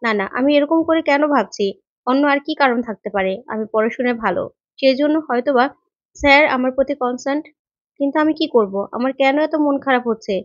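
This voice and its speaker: Woman reading a touchy young woman student, high voice, dry dull recording: serial recap. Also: fairly quick, dry recording, natural voice. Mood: troubled.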